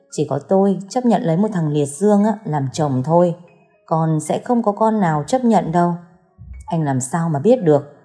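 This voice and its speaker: A woman's voice: on the low side, mellow, natural voice. A woman voicing a scheming young woman who mocks and taunts her husband. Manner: mocking, cutting.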